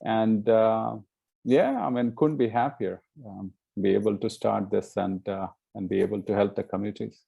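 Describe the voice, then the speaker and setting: A man's voice: fairly low pitch, moderate pace, vocal fry, husky, phone-quality sound. A middle-aged man from India, a guest in a casual interview, talking earnestly with many fillers and "you know".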